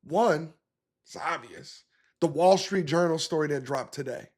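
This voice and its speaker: Slow, emphatic male commentary host. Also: fairly high pitch, darkish tone, breathy edge. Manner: emphatic, conversational, talks back to the clips. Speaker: podcast host. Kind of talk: political commentary.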